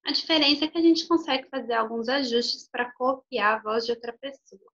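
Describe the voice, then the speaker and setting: A woman's voice: a little high, brisk, a bit bright. Woman speech therapist on a video call, explanatory and chatty, slightly muffled lo-fi sound. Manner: explanatory, uses frequent "tá bom?" check-ins. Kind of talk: informal health talk.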